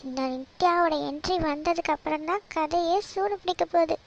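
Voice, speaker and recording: A woman voicing a scheming, jealous young woman villain in a cartoon drama, taunting and slow. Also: very high voice, creaky, slight background noise. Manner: sneering, taunting, slow and deliberate. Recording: dull lo-fi recording.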